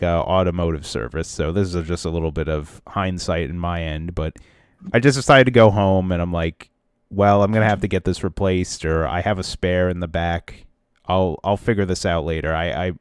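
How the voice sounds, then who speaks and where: Low and smooth yet stuffy with congestion, this man's voice carries a long, wandering story on the casual podcast he co-hosts. He frequently restarts and trails off as he rambles. The sound is clean studio audio with no room noise.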